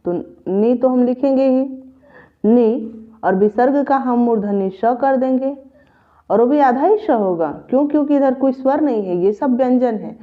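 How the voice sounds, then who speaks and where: A woman teaching a grammar lesson for exam preparation, patiently repeating each example step by step. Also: fairly high pitch. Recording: tinny phone-like audio.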